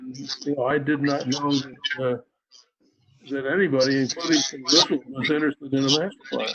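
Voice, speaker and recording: A man's voice: medium pitch, fairly even intonation, fairly quick, a bit bright, slightly rough, dull audio. A man on a town committee speaking bluntly and skeptically at an online meeting. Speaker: committee member.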